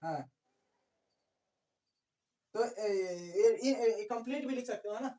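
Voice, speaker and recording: A woman's voice: medium pitch, slow, mellow. A woman biology teacher giving a classroom lecture at the board, repeating key words and asking rhetorical questions, dropping in English terms. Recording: echoey room, far from the mic.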